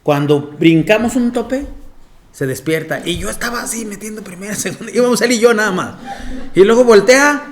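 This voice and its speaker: A man's voice: high-pitched, lively intonation, fairly quick, a little hiss or hum. A man, a monsignor telling anecdotes in a lecture and often laughing. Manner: storytelling with frequent laughter.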